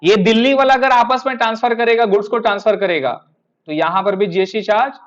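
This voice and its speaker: A male tutor with a high voice gives a classroom lecture and tells an animated anecdote. He keeps checking that the students follow, calling them sir. The recording sounds dull and lo-fi. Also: fairly quick.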